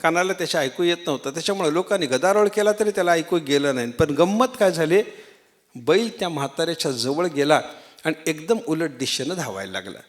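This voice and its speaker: A man's voice: a little high, animated, fairly quick. A man preaching a devotional sermon in a storytelling manner, repeating phrases and asking rhetorical questions. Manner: repeats phrases, acts out quotes, asks the audience rhetorical questions. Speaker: religious preacher.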